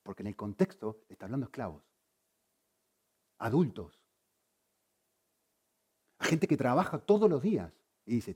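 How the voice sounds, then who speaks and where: A man preaches with a lively, animated delivery. His voice sits somewhat high for a man and rises and falls widely. He moves from loud emphasis to hushed, intense points. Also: slightly rough. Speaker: pastor. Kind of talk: sermon.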